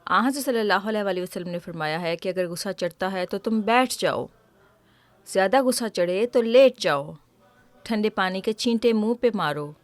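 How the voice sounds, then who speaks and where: Speaking at a normal pitch, a patient female host walks a child through explanations in a gentle, teacherly manner, pausing to ask questions and make sure the child follows. There is no room sound.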